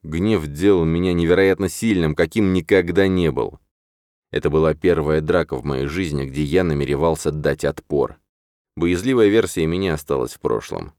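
A man with a deep, low voice narrates a first-person story as an audiobook. His reading is steady and measured. The sound is dry and close, with no room around it. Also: smooth, dry recording.

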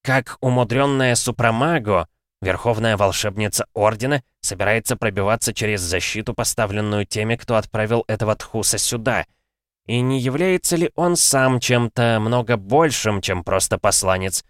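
A man voicing the stern male commander of a magic order, cold and quietly authoritative. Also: lowish voice, moderate pace, dry recording, studio quality, pitched above the performer's own voice, natural voice.

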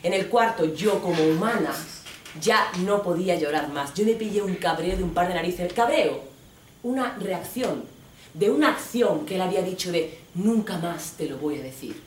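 A woman's voice: fairly low pitch, moderate pace, recorded from a distance, a little hiss or hum. A woman performing a comic theatre monologue, frank and ironic as she speaks straight to her audience. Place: theatre stage. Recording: roomy live stage recording from afar.

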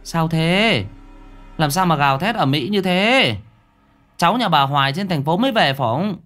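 A man doing a brisk, concerned village woman. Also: on the high side, lively intonation, a bit bright, faint music behind, pitched above the performer's own voice. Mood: startled. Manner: quick, scolding questions.

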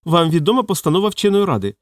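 A man reading an audiobook, voicing a thin, stern official who speaks quietly and threateningly. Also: fairly high pitch, very animated, quick pace, dry recording, studio quality, voice pushed up. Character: thin, stern male official, coldly menacing. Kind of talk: audiobook character voice.

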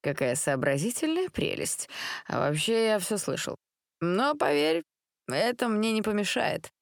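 A woman voicing a drunk, cocky teenage boy in a storybook reading, speaking in a slow, smirking drawl. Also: mid-range voice, very animated, dry recording, clean studio sound. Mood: mocking.

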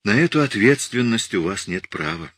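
Audiobook: male reader as a tired, hunted scientist, deep and raspy, quiet resignation. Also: animated, moderate pace, no room sound, clean studio sound, full character voice. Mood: resigned. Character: weary hunted middle-aged male scientist.

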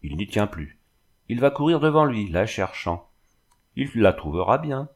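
Low-voiced male storyteller. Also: sing-song. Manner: measured, dramatic reading. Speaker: narrator. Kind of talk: audiobook reading of a tale.

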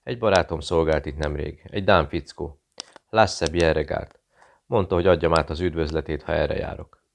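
A man doing a smooth British investigator. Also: rumbling low, slight background noise. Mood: friendly. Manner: smooth, friendly, quietly persuasive. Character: cool British male investigator posing as journalist.

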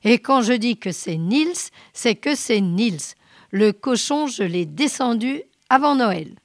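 Woman reading a cheeky, stubborn Arctic trapper; unhurried, teasing, dry studio sound. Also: medium pitch, big pitch swings, no echo. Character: cheerful male hunter, cheeky and stubborn.

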